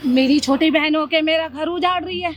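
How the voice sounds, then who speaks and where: A woman playing a very high-voiced, hurt wife. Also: normal speed, muffled recording, soft background music, lightly acted. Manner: firm, refusing. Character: hurt wife rejecting her sister. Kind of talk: amateur skit acting.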